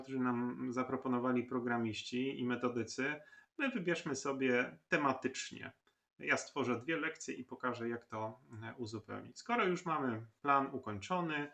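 A man with a gravelly, mid-range voice guides the listener through an online course setup. He speaks at an unhurried pace with frequent filler sounds, as in a recorded lecture tutorial. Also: mid-range voice, fairly bright tone. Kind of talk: screen-recorded platform tutorial.

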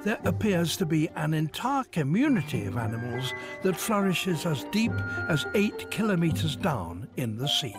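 A man narrates a nature documentary in a slightly high voice. His delivery is scripted and lively in its intonation, with clear music playing behind him. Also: normal speed, few pauses. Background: background music.

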